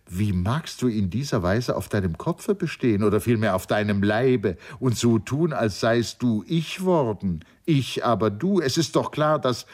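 A man reading as an indignant young husband. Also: fairly low pitch. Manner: reproachful, pleading.

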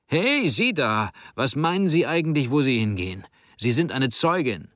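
A man voicing a pushy male building cleaner who shouts and insists in a storybook reading. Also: fairly low pitch, expressive, fairly quick, dry recording, studio quality, lightly acted. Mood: insistent. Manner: shouting, stubborn.

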